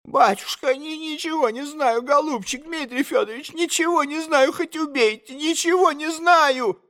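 A man's voice: very high voice, normal speed, sharp tone, pitched above the performer's own voice. A man voicing a terrified pleading young maid. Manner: pleading, breathless denials. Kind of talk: audiobook character reading.

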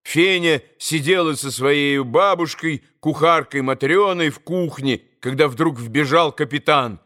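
Expressive male audiobook narrator. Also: a little high. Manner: measured, expressive storytelling.

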